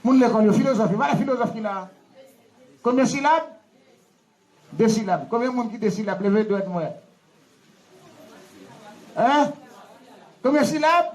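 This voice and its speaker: Man, Haitian accent, very high voice, pastor, wedding sermon, call-and-response, teacherly questions. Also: expressive, moderate pace, long pauses, low-quality recording. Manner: call-and-response, asks the congregation to follow and repeat.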